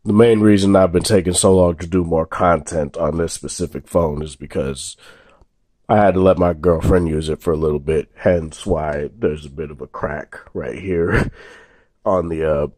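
Speaking at a moderate pace in a dry, echo-free room, a young male tech reviewer gives a casual hands-on look at a phone from a table indoors, off camera. His very low voice is slightly sore after illness. He stays relaxed and rambling, often restarting and using fillers.

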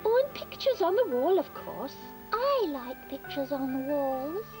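In a children's cartoon, a homely leek talks gently and patiently about making her home cosy. Her voice is high and lively, with faint music underneath. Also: a little slow, heavily acted. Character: kind homely female leek.

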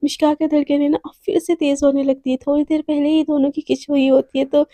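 Young woman storyteller, high and mellow, dry close sound, rambling dramatic delivery. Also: level tone, a little fast, dry recording. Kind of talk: storytelling narration.

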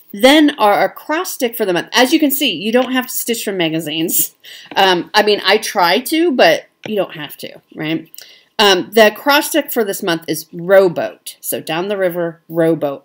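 A woman with a Midwestern American accent chatting casually as a cross-stitch vlogger, with frequent ums. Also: medium pitch. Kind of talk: casual show-and-tell chat.

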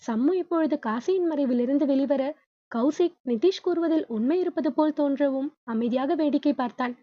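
A woman's voice: high voice, moderate pace. A woman narrating a novel as an audiobook, reading steadily, on a dull lo-fi recording.

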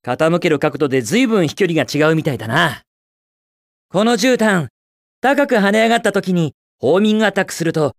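Sonic, a cocky, lively young hedgehog hero. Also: male voice, sits high, no room sound, clean studio sound. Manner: brash, casual, self-assured slangy delivery. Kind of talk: Japanese video game voice clips.

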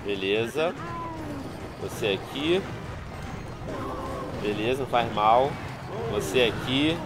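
Stuffy with a cold, a Brazilian Portuguese-accented man in his thirties commentates on a game for his YouTube viewers, speaking into a headset indoors in a small home room. He talks slowly at a medium pitch over loud music, yet stays chatty, keeps addressing his audience, and bursts out excitedly.

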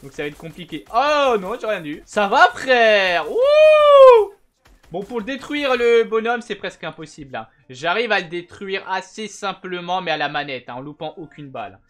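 A young man hosting a gaming channel, giving a casual gameplay tutorial in a slangy, chatty way with bursts of excited shouting. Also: sits high, fairly quick, hardly any pauses.

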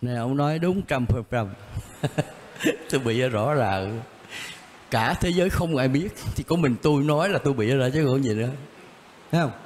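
A man's voice: medium pitch, expressive, normal speed, pauses often, darkish tone. An older man, a Zen teacher answering questions in a blunt, casual way, chuckling and repeating himself. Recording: reverberant room, faint background noise.

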